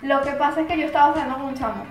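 A woman speaking frankly in a casual chat, telling stories and trailing off softly. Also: sits high, steady tone, racing, roomy sound, soft background music. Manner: frank, storytelling, trailing off quietly. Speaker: podcast guest.

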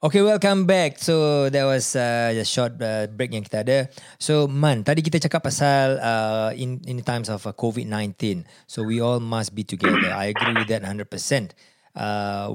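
A man's voice: fairly low pitch, no room sound, studio quality. A Singaporean man hosting a casual talk show in Singlish, switching between English and Malay. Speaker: show host.

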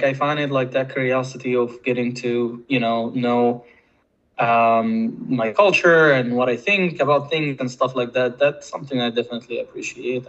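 A man with an Egyptian accent speaking casually as an interview guest, halting and often repeating words as he thinks. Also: medium pitch, fairly bright tone, highs cut off. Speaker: podcast guest.

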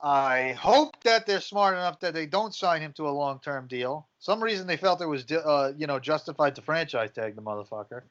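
A man's voice: a little high, animated, brisk, hardly any pauses, a bit bright. A man co-hosting a sports podcast in casual banter, talking like a blunt, swearing frat bro. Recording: muffled lo-fi audio.

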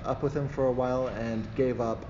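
A man narrating a tabletop game as game master, improvising in a halting way with pauses to think. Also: mid-range voice, level tone. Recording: echoey hall, muffled, loud background noise.

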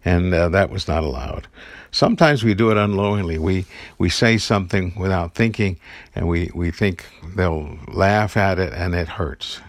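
A man hosts an inspirational devotional podcast of daily encouragement, speaking earnestly and warmly and sharing personal stories with the odd chuckle. His voice is low-pitched at a moderate pace, with no echo.

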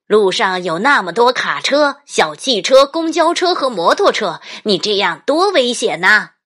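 A woman's voice: fairly high pitch, wildly swooping pitch, drawn-out words, breathy edge, pitched above the performer's own voice, exaggerated voice. A woman playing an alarmed, scolding father in a children's story, with emphatic exclamations.

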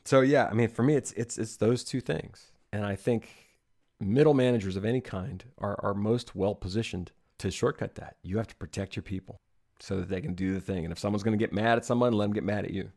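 A man's voice: lowish voice, a little fast, creaky, darkish tone. A man speaking as a podcast guest, giving emphatic advice in casual conversation and checking in with "okay?" and "right?".

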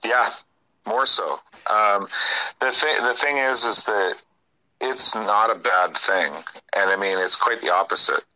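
A middle-aged man with a low voice and a bright, forceful edge. He co-hosts a political talk show and lays out his views earnestly and with conviction, sighing between his points. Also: a little slow, low-quality recording. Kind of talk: casual political chat.

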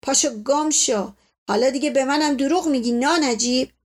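A proud, short-tempered old uncle, as a woman reading the story puts him on, barking orders and scolding. The voice is fairly high. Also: expressive. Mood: angry.

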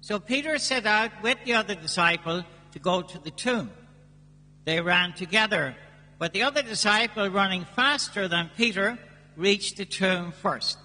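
A priest reading the gospel and preaching at Mass in a slow, measured way, his voice ringing with cathedral echo. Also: high voice, pushed and bright. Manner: slow, measured liturgical delivery. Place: large church. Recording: long church reverb.

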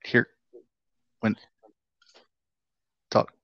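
A man's voice: very slow, dry recording. A man joining a podcast as a guest over a remote call, his voice choppy and cutting out in buzzy, glitchy call audio. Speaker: podcast guest, small business owner. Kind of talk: casual chat over a call. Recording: dull lo-fi remote call line.

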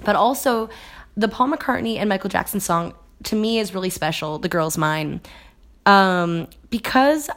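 A woman co-hosting a podcast, chatting casually in an animated, rambling way and laughing often. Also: mid-range voice, a little slow. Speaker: podcast co-host. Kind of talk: casual chat.

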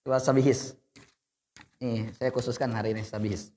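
A man's voice: mid-range voice, fairly even intonation, normal speed, dark tone, big-room sound, a little hiss or hum. A young man teaching adults to read the Quran, patiently correcting their recitation. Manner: patient, corrective, demonstrates then explains.

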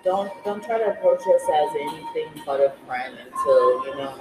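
A woman's voice: deep voice, fairly even intonation, moderate pace, over music. A young woman in her twenties co-hosting a podcast in casual chat, often hesitating and correcting herself. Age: 20s. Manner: hesitant, restarts and self-corrections. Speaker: podcast co-host. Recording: echoey room with noise.

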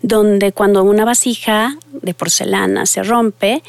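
A woman's voice: medium pitch, steady tone, a little slow, creaky, no echo. A middle-aged woman therapist tells stories earnestly to an audience, speaking to them directly. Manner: earnest storytelling, addresses listeners directly. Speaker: family therapist. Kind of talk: talk to an audience.

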